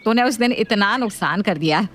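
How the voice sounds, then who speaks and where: A woman's voice: animated, a bit bright, lightly acted. Woman doing a nagging old mother-in-law. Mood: scolding. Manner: scolding, slow and lower-voiced.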